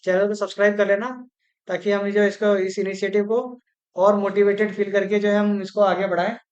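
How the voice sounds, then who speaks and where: A teacher giving an exam-prep grammar lesson, slowly repeating words and spelling out their syllables, often mixing English words into Hindi. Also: medium pitch, little pitch movement, lo-fi sound. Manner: slow, repetitive, spells out syllables.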